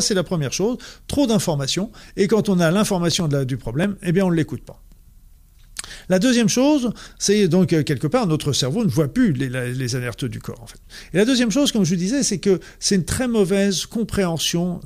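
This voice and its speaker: A man with a Norman French accent, a health practitioner explaining his views to an audience, halting often with fillers and repeated words. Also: a little high, darkish tone.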